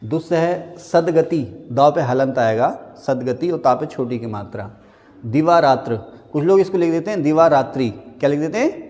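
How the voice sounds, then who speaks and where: A man teaching a Hindi spelling lesson, naming each common mistake and then slowly spelling out the correct form. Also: on the high side, expressive, darkish tone, in a large hall. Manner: drills words, stating the wrong and the right spelling again and again; slows right down to spell a word out. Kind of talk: classroom-style spelling lesson.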